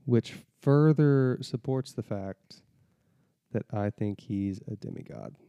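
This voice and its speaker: A man hosts a podcast in casual chat, teasing and joking with his guest. His voice is gravelly, with a dark, relaxed tone. The recording is dry and close. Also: medium pitch, takes it slowly, no echo. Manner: teasing and jokey. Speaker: podcast host.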